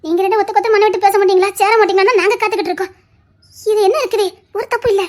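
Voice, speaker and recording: A woman's voice: very high-pitched, steady tone, very fast. A woman voicing a fond older aunt and mother-in-law in an audio love story, soothing and insistent. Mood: coaxing.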